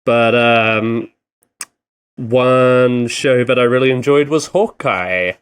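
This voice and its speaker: A man's voice: medium pitch, clean tone. A man in casual podcast chat. He rambles and halts, filling gaps with ums and uhs. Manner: rambling, halting with many fillers. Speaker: podcast co-host.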